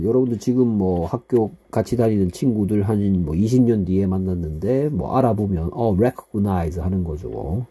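A man's voice: deep voice, mellow, breathy edge. A man teaching English vocabulary to middle school students, patiently explaining and repeating each word with its meaning. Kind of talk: vocabulary lesson.

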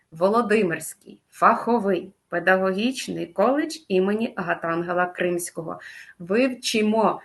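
A middle-aged woman teaching a language lesson, going over a grammar test, patient and explanatory, slowly stressing each key word. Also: medium pitch.

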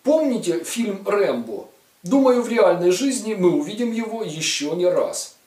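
Unhurried and a little mellow, a man's high voice swings widely in pitch as he gives sarcastic political commentary to the camera. He is a video blogger in his forties, mocking, ironic and emphatic in manner. The studio has a virtual set, and the sound is roomy and distant.

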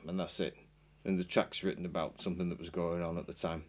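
Low-voiced bloke in his 40s, rambling and self-deprecating, small podcast studio on a boom mic. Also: little pitch movement, quick pace. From Yorkshire, England. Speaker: band member guest. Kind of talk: casual chat. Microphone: boom mic with headphones.

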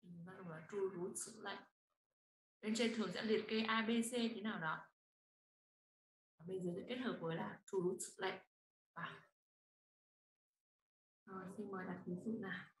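A woman's voice: medium pitch, steady tone, moderate pace, pauses often. A woman teaching a language class, patiently explaining grammar and calling on students. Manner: explains patiently, asks students to read and answer. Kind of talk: online class instruction. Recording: roomy echo, faint noise.

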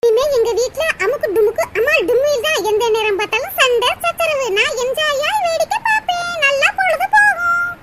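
A woman's voice: extremely high pitch, moderate pace, few pauses. A woman voicing a sly young married daughter who fakes an injury, whining and sobbing, in a cartoon. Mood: gloating. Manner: whiny, sly, fake sobbing. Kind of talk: cartoon voice acting. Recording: loud background noise.

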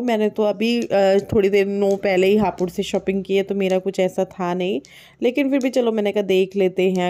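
A woman in her thirties talks casually through a family vlog in a homely, chatty way. Her pitch sits in the middle range. She speaks into a phone held at arm's length. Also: dark tone. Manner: chatty, homely commentary on prices. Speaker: family vlogger. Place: busy indoor shopping mall.

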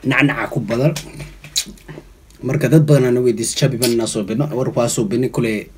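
A man's voice: medium pitch, fairly even intonation, fast, noisy background. A man in his thirties chatting casually for a vlog, recorded by a camera in a living room.

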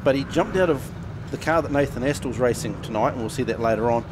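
A man's voice: mid-range voice, quick pace. Kiwi male speedway commentator over engine noise. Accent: New Zealand. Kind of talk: race commentary. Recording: loud car noise behind.

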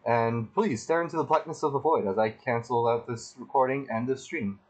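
A man's voice: mid-range voice, a little fast, rough recording. A man streaming a video game live, talking casually to his viewers in a chatty, self-deprecating way and sounding tired. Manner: chatty and self-deprecating, says freaking a lot. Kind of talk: live gameplay stream commentary.

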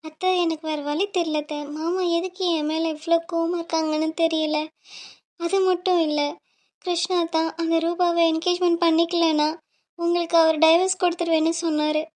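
A meek, dutiful young woman in a cartoon, put on by a woman. Her very high voice pleads hesitantly, as if she sees no way out. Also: little pitch movement, normal speed, darkish tone. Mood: pleading. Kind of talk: cartoon voice acting.

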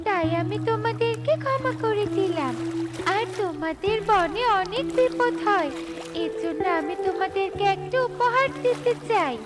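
A woman voicing an innocent, gentle young mermaid in a children's cartoon, with an earnest, guileless manner. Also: extremely high pitch. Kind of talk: children's cartoon story acting. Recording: music under the voice.

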